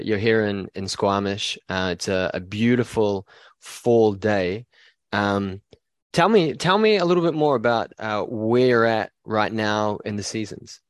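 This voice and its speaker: A man with a New Zealand accent hosting a podcast interview, thoughtful and halting with frequent restarts. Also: on the low side, dry recording. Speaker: podcast host.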